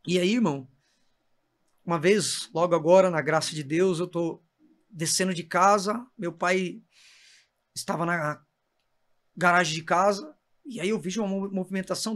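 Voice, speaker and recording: A man with a Brazilian Portuguese accent, a missionary preacher telling his faith testimony with fervor and calling the listener brother. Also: sits high.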